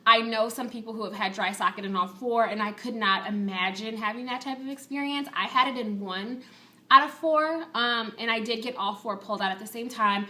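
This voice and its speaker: A woman's voice: fairly high pitch, fairly quick, pushed and bright. A woman vlogger giving a casual, chatty and candid personal update to her viewers.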